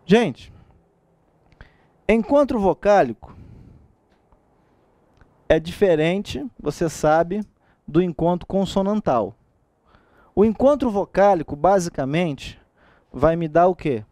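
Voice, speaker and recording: Brazilian guy teaching exam prep, bit high voice, dry sound, keeps asking "tá?". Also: slow pace, pauses often, dry recording. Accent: Brazilian Portuguese. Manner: lively, asks rhetorical questions, frequent checks like "tá?".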